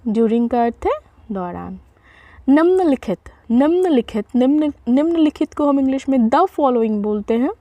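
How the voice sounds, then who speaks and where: A woman giving a vocabulary lesson, repeating each word and spelling it out letter by letter in an unhurried way, with small self-corrections. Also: high voice, a little mellow, no echo. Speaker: vocabulary teacher.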